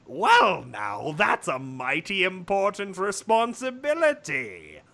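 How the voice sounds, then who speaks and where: A woman voicing a sly, suave male trickster creature with grandiose, drawn-out politeness in a story read aloud. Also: lowish voice, wildly swooping pitch, creaky, a bit bright, exaggerated voice. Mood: wry, suave. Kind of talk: comic fan fiction read-aloud.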